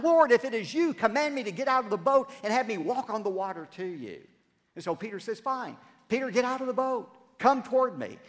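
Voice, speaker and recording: A man preaching a sermon, telling a story dramatically and rising to loud cries, then dropping low. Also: gravelly, big-room sound. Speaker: pastor.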